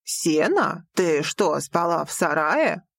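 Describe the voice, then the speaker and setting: A woman voicing a distraught, stern father in an audiobook, speaking in a slow, heavy, scolding way. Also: deep voice, very animated, vocal fry, a bit bright, dry recording, pitched below the performer's own voice, heavily acted. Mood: worried. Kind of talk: audiobook character voice.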